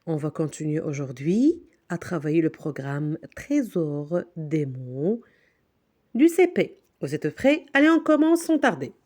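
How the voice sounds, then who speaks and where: A woman teaching a reading lesson to young children, slowly sounding out words and repeating them for the class to echo. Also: deep voice, sing-song, darkish tone.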